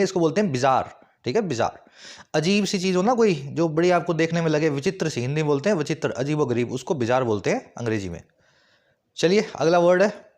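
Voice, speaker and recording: A man with a slightly raised voice teaches English vocabulary, explaining each word in Hindi. He keeps checking that students follow with quick rhetorical questions, and he slows right down to read each English example sentence. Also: fairly high pitch. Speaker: English tutor. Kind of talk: vocabulary lesson.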